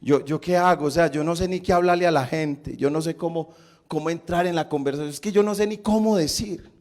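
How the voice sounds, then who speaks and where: A man's voice: on the high side, fairly quick, lightly acted. A man doing a timid, stammering young man. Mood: timid, pleading. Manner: hesitant, quiet, stumbling. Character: timid shy young man, hesitant churchgoer.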